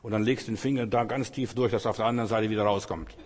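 Male preacher, earnest and fervent, husky tone, long hall echo. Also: on the low side, steady tone, racing. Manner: earnest, rises to loud fervent prayer. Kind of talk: sermon.

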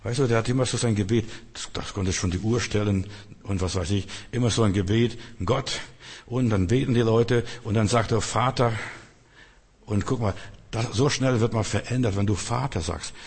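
A man preaching a sermon in an earnest way, acting out quotes and dropping to soft tones. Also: on the low side, a little fast, breathy edge. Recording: long reverb in a large hall.

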